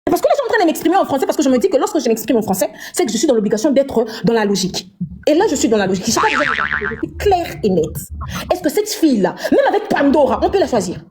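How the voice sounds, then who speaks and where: A woman's voice: high voice, wildly swooping pitch, fast talker, darkish tone. A woman, ranting and mocking on a live stream and laughing between insults. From Congo. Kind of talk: heated live-stream rant.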